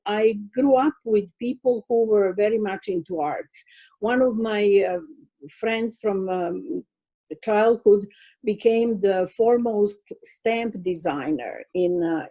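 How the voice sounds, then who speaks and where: An older Serbian woman with a Serbian accent answers interview questions as a guest artist over a video call, hesitating often and filling pauses as she speaks at a slow, thoughtful pace. Her voice sits at medium pitch, mellow with a breathy edge, and the recording quality is low.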